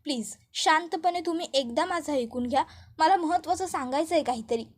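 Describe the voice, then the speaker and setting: A woman's voice: high voice, brisk, lightly acted. A woman voicing a young man who politely pleads to be heard in a serial recap. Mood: pleading. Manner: pleading, insistent.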